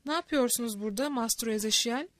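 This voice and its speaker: A woman reading the part of a scheming, menacing male nobleman in an audiobook, in a smooth, threatening way, recorded close and dry. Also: on the high side, fast talker, fairly bright tone, no room sound, lightly acted.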